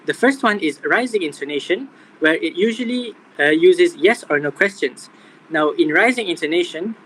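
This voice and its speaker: A young man reading out a scripted class presentation in a steady manner. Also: fairly high pitch, slight background noise, rough recording. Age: young adult. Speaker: student presenter.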